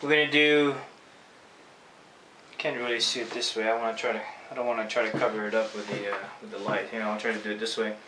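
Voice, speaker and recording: In a rather low, flat voice, a Filipino-accented man talks fast through an informal screen printing demo, narrating each step as he goes. Faint noise and echo come through because the mic sits far away in the room.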